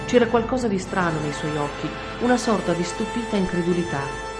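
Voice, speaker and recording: A woman narrating an audiobook in a measured, steady storytelling voice. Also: fairly low pitch. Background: faint music.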